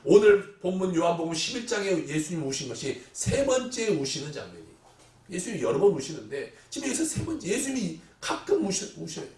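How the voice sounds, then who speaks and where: A male pastor preaching a sermon, animated, acting out the voices he quotes and sometimes shouting. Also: sits high, distant mic. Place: church sanctuary. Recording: echoey church hall, voice from off the mic.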